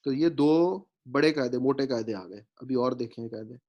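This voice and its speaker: A man teaching a grammar lesson, patient and explanatory, slowly spelling out vowel marks and often checking that his students follow, with English words mixed in. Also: mid-range voice, a little mellow, lo-fi sound. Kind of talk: grammar lecture.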